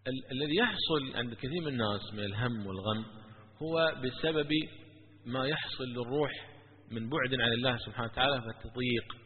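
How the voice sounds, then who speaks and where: A man preaching and telling stories in an animated religious lecture. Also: mid-range voice, fast, husky. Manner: animated, with stories and rising emphasis. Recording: tinny lo-fi with long hall echo.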